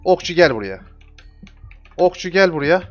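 Brief: male gamer, slightly higher voice, trash-talks enemies, muffled mic. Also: moderate pace. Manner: trash-talks enemies, excitable, calls them over with repeated shouts. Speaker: gamer streaming his play. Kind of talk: casual gameplay commentary. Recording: dull lo-fi mic with music behind.

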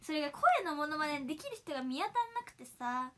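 Giggly high bright-voiced young woman. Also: sing-song, fast talker. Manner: giggly, chatty, laughs often. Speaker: idol livestream host. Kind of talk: casual livestream chat, reading viewer comments.

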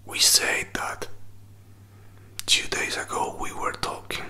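Man acting a whispering jealous boyfriend, slow whispered role-play. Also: pushed and bright. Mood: pleading, frustrated. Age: 20s. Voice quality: breathy whisper. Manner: halting, repetitive, non-native English phrasing. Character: jealous, hurt young boyfriend pleading for explanations. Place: small indoor room. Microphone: close desk microphone with furry windscreen.

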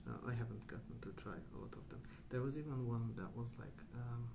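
Speaking slowly and calmly, this man's mid-range voice stays soft and breathy, often dropping to almost a whisper, as he rambles ASMR-style with hesitant pauses between brief phrases. He's an ASMR host, and background noise is clearly audible in the recording.

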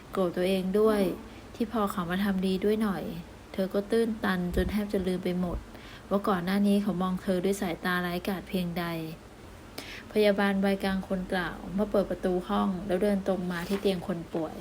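A woman reading a romance novel aloud as an audiobook narrator, calm and even. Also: mid-range voice, slight background noise.

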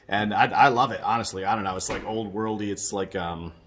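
A man in his thirties co-hosting a casual vlog, enthusiastic and animated, filmed on a phone at arm's length in a small room. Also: lowish voice, fairly quick, a little hiss or hum. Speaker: co-host. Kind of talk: casual chat to camera. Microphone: phone camera at arm's length.

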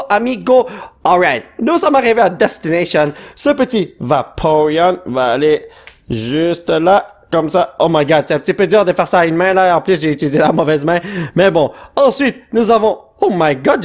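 A man with a Quebec French accent hosting a casual card-opening video, excitable, breaking into shouts and laughs and dropping English words. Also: sits high. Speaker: card-opening channel host. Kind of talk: casual pack-opening commentary.

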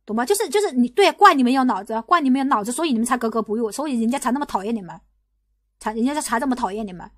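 This livestream host, a young woman from Guangdong, delivers casual commentary at a rapid clip, repeating herself, restarting lines and pressing rhetorical questions in an argumentative way. Her pitch is high and her tone animated and fairly bright, captured up close with a dry, echo-free sound.

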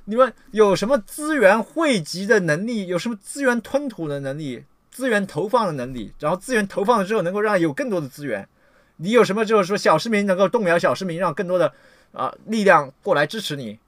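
A livestream lecturer on political theory scolds his audience emphatically, swearing freely and swinging from loud outbursts to low muttering. His voice is slightly high, his intonation lively and pace brisk, and the sound is close and dry.

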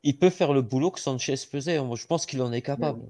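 A man's voice: medium pitch, quick pace, dark tone. A man giving casual, emphatic opinions about a young player in a supporters' chat. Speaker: football supporter.

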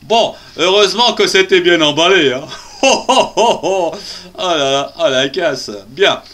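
A man's voice: high-pitched, lively intonation, unhurried, fairly bright tone. Syllabe, a man doing a giggly cartoon bear. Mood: playful. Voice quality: giggly, bouncy and sing-song. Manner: chats straight to the young audience. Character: jolly clumsy male bear, chatty birthday boy. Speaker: children's story character. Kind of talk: children's storytelling.

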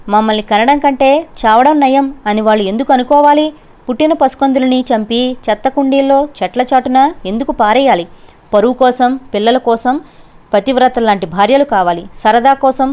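A woman's voice: medium pitch, a little mellow, natural voice. Lady reading as a young guy in an audiobook, bitter, accusing, all fired up. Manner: impassioned, accusing outburst.

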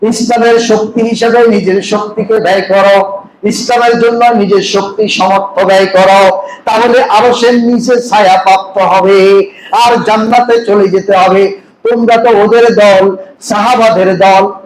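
A man preaching a waz sermon, putting questions to the crowd and chanting Arabic slowly before rising into rhythmic shouting. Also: sits high, fairly even intonation. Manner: call-and-response questions to the crowd. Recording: echoey open-air sermon with faint ambience.

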